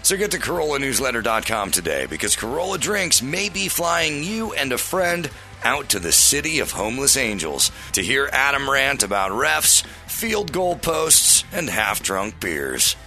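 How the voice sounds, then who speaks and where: Male promo announcer, booming prize-giveaway delivery, gravelly fry, music underneath. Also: sing-song, moderate pace, pushed and bright.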